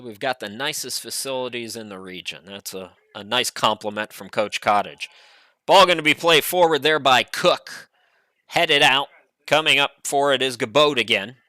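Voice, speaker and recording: Male play-by-play commentator, middle-aged, bright tone, close and dry, chatty remote caller. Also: medium pitch, moderate pace, dry recording. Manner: relaxed, chatty, frequent "uh" fillers. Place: home studio.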